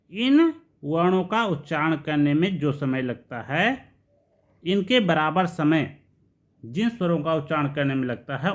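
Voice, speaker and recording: A man giving a lesson on Sanskrit grammar, explaining patiently and repeating key terms slowly. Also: on the high side.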